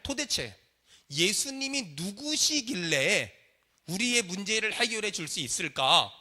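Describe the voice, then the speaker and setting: A man's voice: sits high, very animated, unhurried, sharp tone. A man preaching a sermon in a church, leading the congregation in call and response. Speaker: pastor. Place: church sanctuary.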